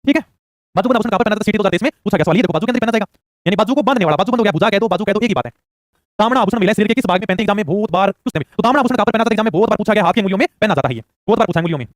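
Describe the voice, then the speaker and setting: A man teaching a quiz-style exam prep lesson, firing off questions and urging quick answers. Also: high-pitched, animated, no echo, clean studio sound. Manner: rapid-fire, urging answers fast.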